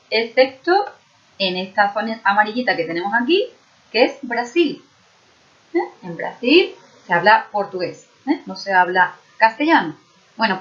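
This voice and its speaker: A woman's voice: on the high side, a bit bright, muffled recording. A woman with an Andalusian Spanish accent teaching a video lesson, explaining step by step and often checking in with her students. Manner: explains patiently, checks understanding with frequent "¿vale?".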